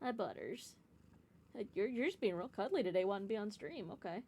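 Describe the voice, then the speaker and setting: A woman's voice: mid-range voice, animated, brisk, a little mellow, slightly rough. A woman chatting casually as she plays a game on a stream. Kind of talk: casual chat while playing a game.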